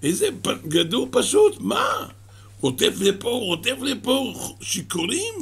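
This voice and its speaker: A man's voice: sits high, wildly swooping pitch, gravelly, fairly bright tone, slightly rough, voice pushed up, exaggerated voice. A man voicing a naive, baffled village man who asks bewildered questions.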